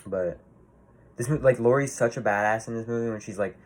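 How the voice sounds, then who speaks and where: A man's voice: mid-range voice, brisk. A man giving a casual movie review, rambling and swearing freely, full of fillers and restarts.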